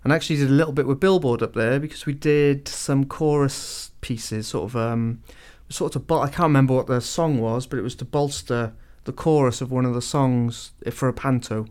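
A man's voice: medium pitch, steady tone, normal speed, hardly any pauses, a little mellow, clear, resonant tone. A man co-hosting a radio show, recalling things in a hesitant, casual way full of ums. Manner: hesitant, many ums and restarts.

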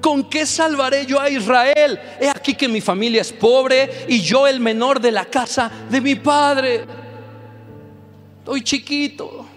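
A man's voice: very high-pitched, unhurried, a bit bright. A man voicing a doubting poor young man who protests that he is weak and small. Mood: pleading. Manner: incredulous, protesting. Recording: reverberant hall with music.

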